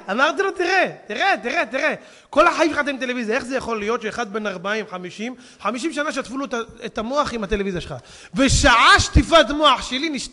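A man delivers a storytelling sermon in a high, ringing voice. He keeps firing rhetorical questions and swings from near-hushed asides to loud, forceful peaks. A long reverb from a large hall follows his words. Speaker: rabbi.

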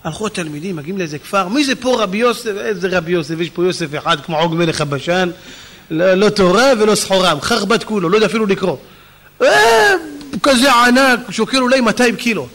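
A man giving a storytelling sermon as a preacher, animated and acting out the characters with sudden shouts. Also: high voice. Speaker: rabbi preacher.

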